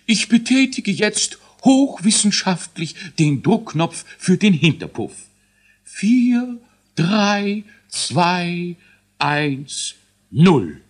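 A man's voice: high-pitched, big pitch swings, drawn-out words, voice pushed up, full character voice. A man voicing a fussy, know-it-all male dwarf inventor who hems and stammers nervously. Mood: eager.

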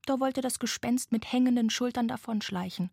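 A woman narrating a children's bedtime story in a gentle, expressive, often hushed way, with a breathy voice. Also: a little high, moderate pace, no room sound, clean studio sound.

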